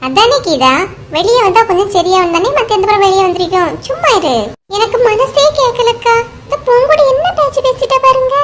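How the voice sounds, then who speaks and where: A woman's voice: very high-pitched, expressive, fairly quick, fairly bright tone. A woman voicing a gossipy, touchy village wife in a cartoon, speaking in a Kanyakumari Tamil accent and complaining in a whiny, self-pitying way. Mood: aggrieved. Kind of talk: cartoon voice acting.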